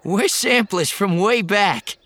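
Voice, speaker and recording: A man voicing an excitable young man who speaks high and loud, slurring drunkenly in places. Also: takes it slowly, exaggerated voice. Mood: eager. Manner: high, strained, raised voice.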